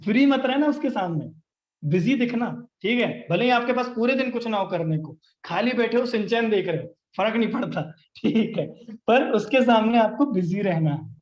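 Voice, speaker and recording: A young man with a fairly high voice runs a live online sales training, coaching energetically and jumping into quick sample conversations where he plays both sides. The audio is roomy and a little dull, like a live stream.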